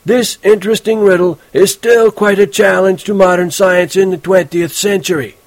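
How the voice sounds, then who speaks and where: A man reading an audiobook, voicing a sarcastic old male history teacher who speaks slowly and deliberately. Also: sits high, fairly even intonation, dry recording, voice pushed up. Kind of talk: audiobook character voice.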